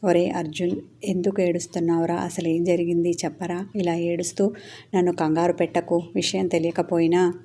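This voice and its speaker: A woman's voice: on the low side, flat delivery, normal speed, warm tone, slight background noise, natural voice. A woman voicing a worried, grieving older aunt who talks anxiously and blames herself. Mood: alarmed. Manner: anxious and self-blaming.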